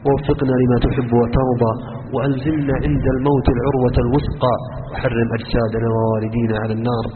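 Impassioned preacher in echoing hall. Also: male voice, mid-range voice, flat delivery, quick pace. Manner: impassioned, emphatic, exhorting the congregation. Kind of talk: fervent sermon and lecture. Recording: lo-fi phone-like sound with long reverb and faint noise.

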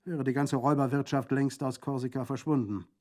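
Stern disapproving young gentleman, lecturing tone, mellow voice, narrator doing him. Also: mid-range voice, fairly even intonation, a little fast, pitched above the performer's own voice, natural voice. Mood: reproachful. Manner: lecturing, reproachful.

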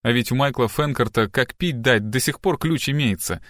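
A man voicing a distraught, sharp-tongued middle-aged wife and mother in an audiobook, with sharp, agitated outbursts. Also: mid-range voice, moderate pace, no echo, clean studio sound, close to an everyday voice. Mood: fretful.

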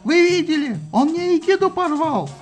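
A man's voice: high-pitched, fairly even intonation, fairly quick, warm tone, soft background music, close to an everyday voice. A man doing a shrieking, snide goddess. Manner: shrieking, hissing, sarcastic. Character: fierce, shrieking female war goddess, snide.

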